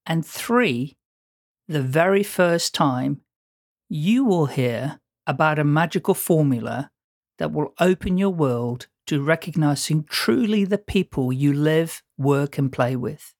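A man hosting a podcast, reading a scripted introduction in a deliberate, announcing way. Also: fairly high pitch, lively intonation, no room sound, studio quality. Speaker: podcast host.

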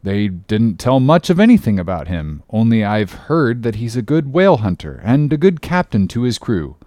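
A man's voice: mid-range voice, very animated, mellow, dry recording, natural voice. A man voicing a skeptical young sailor recruit who questions sharply and impatiently. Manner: brisk, incredulous questioning.

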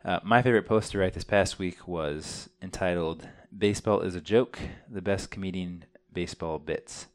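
Low-voiced relaxed podcast host. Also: male voice, moderate pace, hardly any pauses. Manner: relaxed, hesitant with frequent "uh"s. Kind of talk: casual podcast chat.

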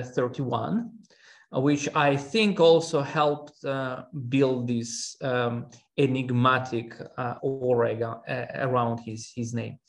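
Gravelly man, hesitant scholar. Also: mid-range voice. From Armenia. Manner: hesitant, many fillers and restarts. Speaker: guest historian. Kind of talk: academic interview.

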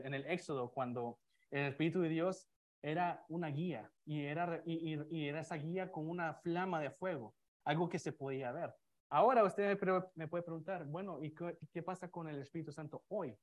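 A man preaching an expository sermon to a congregation in a conversational way, with frequent restarts and questions to his listeners. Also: fairly high pitch. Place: church before a congregation with slides.

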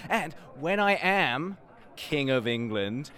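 An actor playing a mocking young prince in Shakespearean style, teasing and theatrical in delivery. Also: male voice, fairly high pitch, big pitch swings, takes it slowly, fairly bright tone, exaggerated voice. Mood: amused, boastful. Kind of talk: Shakespearean stage acting.

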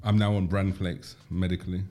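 A young man with a South London accent hosting a casual podcast chat, chatty and quick to laugh at himself. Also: low voice, level tone, dark tone, soft background music. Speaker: podcast host.

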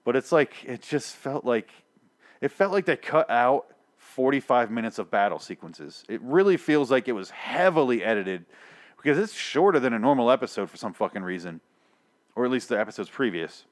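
Reviewing a TV episode, this young man speaks at a moderate pace with lively intonation and a medium pitch. His exasperated, profanity-laced rant is full of restarts and rambling asides, and his voice is wearing out as he loses it.

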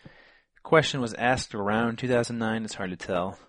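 Man, low voice, dry close sound, podcast co-host, casual, many ums and uhs. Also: normal speed, dry recording. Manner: relaxed, lots of fillers. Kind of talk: casual chat.

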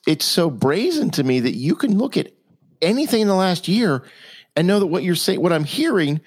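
A man co-hosting a political talk show, arguing in an incredulous, animated way. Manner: incredulous, animated, rising to high exclamations. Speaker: co-host.

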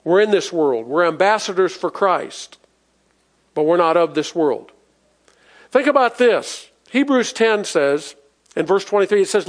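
A pastor preaching a sermon to his congregation, reading scripture aloud and asking the people questions. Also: sits high. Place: church in front of a congregation.

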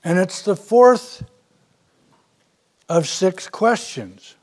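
Male pastor, sermon delivery, slow and earnest, slightly raised pitch, emphatic on key lines. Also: lively intonation, darkish tone.

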